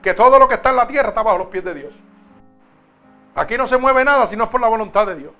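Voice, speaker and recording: Emphatic male preacher with a high voice, faint guitar underneath. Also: animated, fast talker. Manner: emphatic, swings between loud and soft. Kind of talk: sermon.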